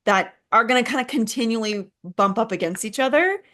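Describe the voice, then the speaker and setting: A woman's voice: a little high, fairly quick, a bit bright. Enthusiastic woman hosting an interview. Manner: enthusiastic, affirming, thinks aloud. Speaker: interview host. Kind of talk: conversational interview.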